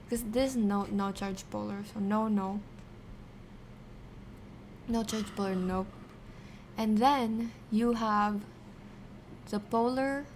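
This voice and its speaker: Woman, streamer-teacher, casual, slow pace, mid pitch, self-talk while problem solving, faint background noise. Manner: talks to herself while working through problems. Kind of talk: casual live tutoring, thinking aloud.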